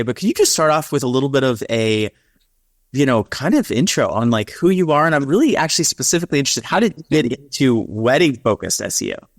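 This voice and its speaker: A man's voice: medium pitch, no echo. Give me an upbeat male podcast host with a dry, close sound. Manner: upbeat, quick bursts of speech. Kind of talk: podcast interview hosting.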